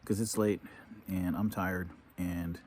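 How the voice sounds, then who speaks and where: A man with a deep, low voice narrates a solo camping vlog. He muses casually and without hurry, as if thinking aloud. The recording is made outdoors, with light ambient noise behind him. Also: little pitch movement, darkish tone. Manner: unhurried, musing, talking to himself. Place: outdoors at a woodland campsite and in a tent.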